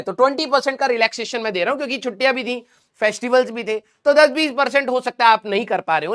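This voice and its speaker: Soft-spoken male teacher with a sore throat. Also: extremely high pitch. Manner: chatty, affectionate, calls students "beta", speaks softly. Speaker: online class teacher. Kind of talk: casual lecture to students, Hindi mixed with English.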